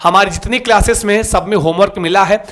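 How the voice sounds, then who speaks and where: A man teaching a live online class. He talks in a lively, coaxing way, repeats key terms and keeps asking his students to answer. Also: high voice, fast talker.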